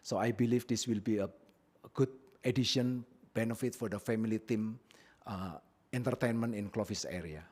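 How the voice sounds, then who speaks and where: Speaking into a podium microphone in a council chamber, a man originally from Indonesia presents his business plan at a public hearing. He talks plainly, with frequent pauses and fillers. His voice is fairly low and darkish, with a breathy edge.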